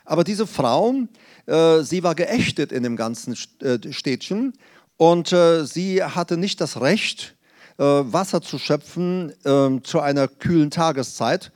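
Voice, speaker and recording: Earnest male preacher, slightly high voice. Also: lively intonation, a little mellow, no room sound, studio quality. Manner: earnest, emphatic preaching that slows on key phrases; explanatory, with frequent hesitations. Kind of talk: sermon.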